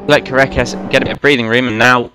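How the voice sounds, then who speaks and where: A man giving fast, running play-by-play commentary on a sim race, now and then correcting himself. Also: medium pitch, fairly even intonation. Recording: race car engine noise behind voice. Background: racing car engines.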